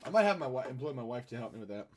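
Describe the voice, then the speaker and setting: A man's voice: mid-range voice, big pitch swings, very fast, a little mellow, a little hiss or hum. Chatty man streaming while he draws. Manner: chatty, self-deprecating, hums melodies. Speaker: streamer and artist. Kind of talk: casual live-stream chat while drawing.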